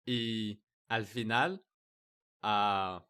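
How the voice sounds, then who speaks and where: Slow, hesitant man learning the language. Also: fairly low pitch, steady tone, pushed and bright, clean tone. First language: not Spanish. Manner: hesitant, searching for words with many restarts. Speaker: podcast host. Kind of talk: casual conversation in a learned language.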